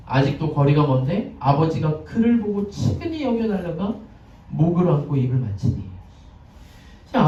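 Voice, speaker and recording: A man's voice: high voice, mellow. A male pastor giving a conversational sermon, chatting with the congregation and putting questions to them. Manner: chatty, asks the congregation questions, acts out scenes. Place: church sanctuary. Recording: echoey, distant, dull lo-fi sound.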